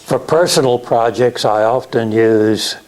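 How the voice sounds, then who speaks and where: A man giving a practical technical lecture as an instructor, explaining step by step in a halting way. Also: medium pitch. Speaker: class instructor in CNC woodworking. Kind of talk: technical lecture with slides and software demo.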